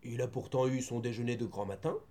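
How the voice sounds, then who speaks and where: A man voicing a steady farmhand in a storybook reading, calm and matter-of-fact as he explains. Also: mid-range voice, fast talker, voice pushed down, lightly acted. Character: steady older male farmhand tending animals.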